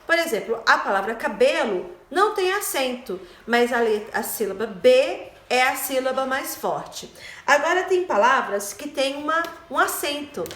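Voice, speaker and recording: A woman's voice: high voice, lively intonation, fairly bright tone. A woman teaching a primary school class in a recorded online lesson, explaining patiently and checking in often with her pupils. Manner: patient, explains slowly with frequent "né?" and "tá?". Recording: echoey room.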